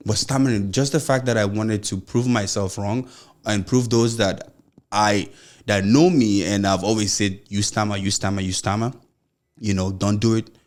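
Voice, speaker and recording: Earnest and encouraging, a young Nigerian-accented man with a mild stammer hosts a solo motivational podcast. His voice is fairly low and a little mellow, with fairly even intonation at normal speed, and his phrasing runs on with lots of "you know"s.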